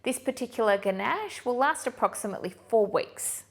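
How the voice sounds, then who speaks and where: A middle-aged woman hosting a cooking demonstration, giving clear step-by-step instructions in an upbeat manner. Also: on the high side, lively intonation, normal speed. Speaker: chocolatier host.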